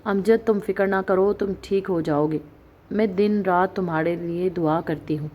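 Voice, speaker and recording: A woman voicing a worried, secretive middle-aged mother who turns sharp and scolding when crossed, in a storybook reading. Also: fairly low pitch, natural voice. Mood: soothing.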